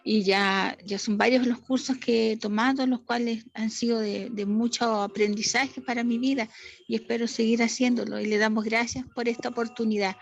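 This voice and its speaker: A woman's voice: on the high side, fairly even intonation, moderate pace, creaky. A woman introducing herself formally and gratefully to an online class. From Chile. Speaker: student.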